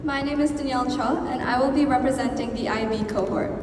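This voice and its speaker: A young woman in her late teens delivers a graduation podium speech as a valedictorian. Her voice is a little high. It is picked up from a distance in a big, echoing hall with clear noise. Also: a little fast. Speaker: student valedictorian. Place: large school gym, on stage. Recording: echoey gym hall, distant mic, noisy.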